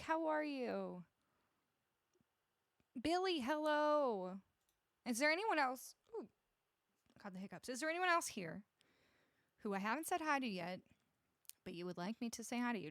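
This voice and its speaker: A woman's voice: fairly high pitch, fairly bright tone, dry recording. A woman music streamer chatting casually with her live viewers on a close studio mic. She laughs often and greets each viewer by name. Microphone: studio broadcast microphone, close.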